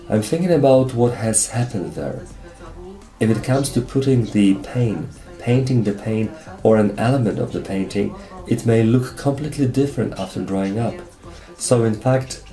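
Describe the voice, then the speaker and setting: Deep, gravelly man. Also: mellow. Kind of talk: scripted interview voice-over. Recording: roomy echo, music behind. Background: music.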